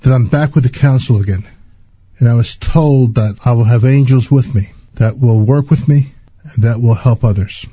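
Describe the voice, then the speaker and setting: A man giving an earnest personal spiritual testimony in a slow, halting way. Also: medium pitch, warm tone, slightly rough, no echo, highs cut off.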